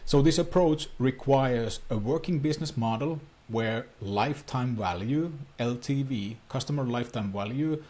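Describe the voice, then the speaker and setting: Speaking at a moderate pace with few pauses, a Finnish man explains online marketing to viewers straight to camera. His mid-range voice has a darkish tone, and his earnest delivery uses simple, slightly non-native English, as Finnish is his first language.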